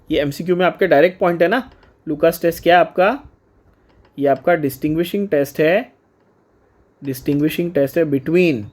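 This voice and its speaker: A man's voice: high voice, darkish tone. A man teaching a chemistry lecture in a mix of Hindi and English, chatty and coaxing, repeating each point as a question to his students.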